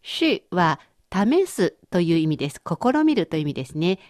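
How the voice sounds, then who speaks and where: A woman leading a radio language lesson who explains words clearly and patiently. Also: lowish voice, very animated, moderate pace, darkish tone, no echo, clean studio sound. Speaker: language teacher.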